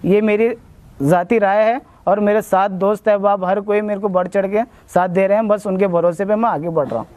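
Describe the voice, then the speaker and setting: Earnest high-voiced man appealing for votes. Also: steady tone, fairly quick, darkish tone. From India. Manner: earnest, repetitive appeals in formal Urdu-laced speech. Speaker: ward election candidate. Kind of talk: campaign interview and vote appeal.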